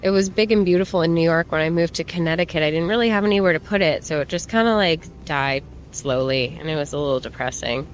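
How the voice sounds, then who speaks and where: A woman's voice: low voice, fast talker, few pauses, slight background noise. A woman chatting casually to viewers in a shopping haul vlog, informal and rambling as she browses and remarks on items. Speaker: plant shopping vlogger. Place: plant shop.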